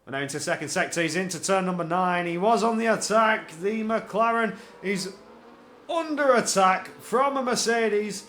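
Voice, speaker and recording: High-voiced male esports race caller, excitable play-by-play, repeats himself for emphasis, light background noise. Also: normal speed. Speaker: esports motor racing commentator. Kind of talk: live play-by-play racing commentary.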